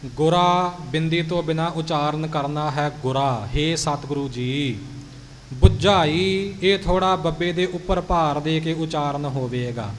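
Man, scripture pronunciation teacher, deliberate syllable-by-syllable speech, high voice, faint background noise. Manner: slow, deliberate, repeats words syllable by syllable. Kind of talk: instructional explanation. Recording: reverberant hall, faint noise.

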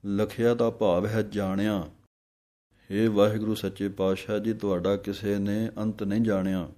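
A man teaching scripture pronunciation in a santhya lesson. He recites each line slowly and then explains how each letter and vowel sign should sound. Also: fairly low pitch, level tone, mellow.

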